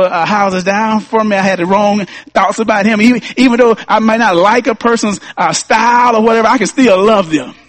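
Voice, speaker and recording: A man's voice: high-pitched, dry recording. A man preaching a sermon as pastor, repeating key lines and rising to emphatic peaks.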